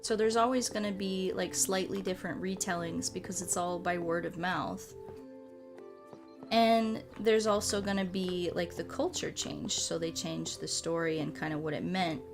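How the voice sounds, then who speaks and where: Playing a game on stream, a woman chats and thinks aloud in a loose, rambling style while music plays underneath. Her lowish voice is gravelly, with fairly even intonation and a moderate pace.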